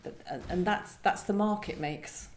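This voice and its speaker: Recorded in a roomy, echoing indoor venue at a live event, a woman poet speaks as a guest, reflecting aloud and reading poetry. Her mid-range voice moves at a moderate pace, with a little hiss or hum in the audio.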